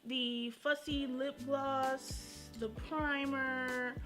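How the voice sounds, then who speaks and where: A young woman with a fairly high voice talks through a makeup review like she is chatting with friends. Her speech carries a slight lisp from a retainer she is wearing. She is playful, slangy and a little sassy, with music clearly playing behind her. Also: flat delivery, extremely slow. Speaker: beauty vlogger. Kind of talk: casual chatty first-impression makeup review. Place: indoors at home.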